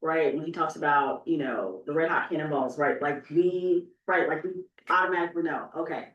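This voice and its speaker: A distant mic in an echoey event room catches a woman's low voice at a moderate pace, with lo-fi sound. Serving as an oral historian on a panel, she speaks conversationally and emphatically, often asking "right?".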